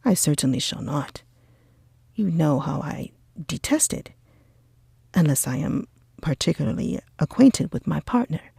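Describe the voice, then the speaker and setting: A woman voicing a proud, cold young gentleman in a breathy whispered role-play of a classic storybook. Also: low-pitched, sing-song, a little slow, long pauses, dry recording, clean studio sound, heavily acted. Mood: cold disdain.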